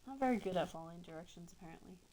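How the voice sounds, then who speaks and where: A woman's voice: lowish voice, animated, racing, warm tone. A woman streaming a game, giving casual, informal commentary and chatting with viewers. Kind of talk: casual live gaming commentary.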